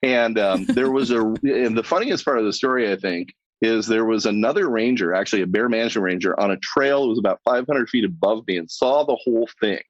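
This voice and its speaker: A middle-aged man, a podcast guest, telling lively anecdotes in conversation and laughing as he goes. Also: fairly low pitch, brisk, few pauses, no room sound. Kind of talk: storytelling in a podcast interview. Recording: dull lo-fi sound, dry.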